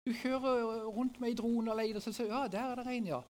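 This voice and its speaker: High-voiced middle-aged man telling a story. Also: fairly even intonation, a little mellow. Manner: conversational, often asks the audience "right?". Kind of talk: storytelling talk to an audience.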